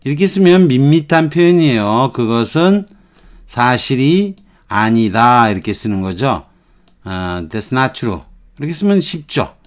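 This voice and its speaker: A man's voice: mid-range voice, animated. A man giving an English lesson, explaining phrases patiently and repeating them over and over. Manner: unhurried, repeats phrases, drifts between Korean and English. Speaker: English teacher.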